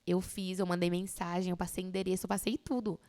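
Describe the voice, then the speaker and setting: A woman's voice: fairly low pitch, fairly quick, in a large hall. A young woman tells a personal testimony in casual chat, acting out what other people said. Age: young adult. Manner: animated storyteller who acts out other people's lines. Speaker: podcast guest.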